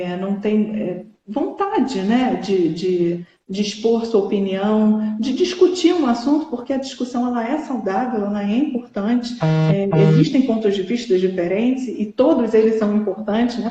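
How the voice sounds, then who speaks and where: A woman's voice: medium pitch, warm tone. A woman hosting a casual live chat, talking earnestly with many fillers and restarts. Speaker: host. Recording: dull lo-fi echoey room.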